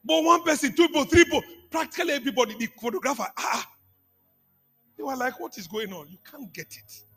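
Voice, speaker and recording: Lively high-voiced preacher. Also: male voice, quick pace, soft background music. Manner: call-and-response preaching, repeats phrases, swings from hushed to shouting. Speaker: apostle preaching. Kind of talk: sermon.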